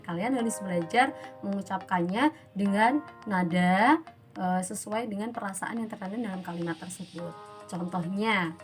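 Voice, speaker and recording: A woman's voice: medium pitch, a bit bright. A woman teacher giving an instructional lesson to her students, explaining step by step and asking rhetorical questions.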